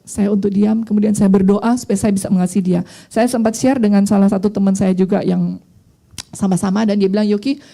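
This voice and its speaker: A woman's voice: mid-range voice, fairly even intonation, fairly quick, creaky, dark tone. A middle-aged woman pastor preaching a sermon in a conversational, storytelling way, mixing in English phrases.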